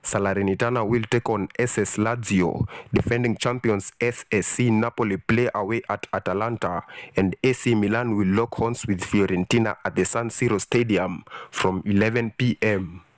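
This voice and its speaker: A man's voice: lowish voice, steady tone, moderate pace, no echo. A man reading a scripted sports news segment, steadily listing football fixtures and kick-off times. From Kenya. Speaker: sports reporter.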